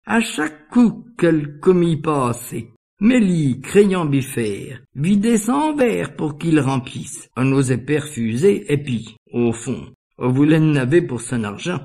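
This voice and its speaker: A man's voice: on the high side, big pitch swings, slow pace, gravelly, warm tone. A man with a Norman patois accent telling a comic folk monologue in a rustic, wry peasant voice. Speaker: folk storyteller.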